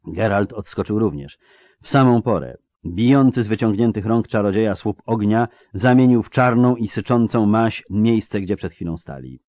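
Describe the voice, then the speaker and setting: A man in scripted audiobook narration, telling the story in a measured, dramatic way. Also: lowish voice, animated, a little mellow, no room sound.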